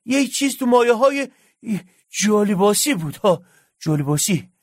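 A man's voice: high voice, big pitch swings, no echo, clean studio sound, voice pushed up. A man doing a frightened, whining restaurant worker. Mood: nervous. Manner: whining, nervous, stammering. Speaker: narrator doing a character. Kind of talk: audiobook storytelling.

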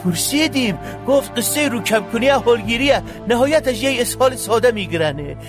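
A nervous, whining restaurant worker, as a male narrator puts him on, pitched very high and pleading. The voice is dry and close, with faint music under it. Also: expressive, husky, no room sound, exaggerated voice. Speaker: narrator doing a character. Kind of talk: audiobook storytelling.

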